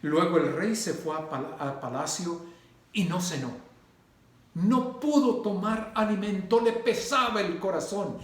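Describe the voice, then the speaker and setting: A man's voice: sits high, very echoey. A man preaching a sermon with impassioned, rhythmic repetition of his phrases.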